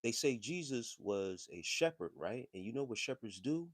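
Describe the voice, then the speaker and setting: A man's voice: medium pitch, big pitch swings, normal speed, husky, no room sound, studio quality. A man hosting a livestream, talking casually and reading chat messages in a loose, slangy, conversational way. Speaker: livestream host.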